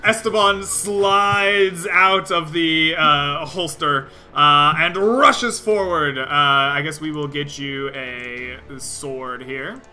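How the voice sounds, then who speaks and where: Bright, higher-voiced man running a tabletop game. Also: slow pace, hardly any pauses, soft background music. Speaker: game master of a tabletop RPG. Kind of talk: casual game narration and rulings.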